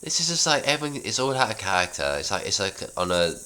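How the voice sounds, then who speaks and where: A man's voice: on the low side, sing-song, quick pace, pushed and bright. A man reading his own sitcom script aloud in an offhand, self-mocking way, with casual asides.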